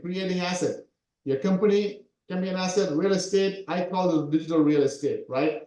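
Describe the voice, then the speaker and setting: A man in his early forties, originally from Sri Lanka, works as an SEO coach and gives coaching talk during an interview call. His voice is high with a dark tone, reverberant and captured in poor audio. He's repetitive and keeps checking in with "right?".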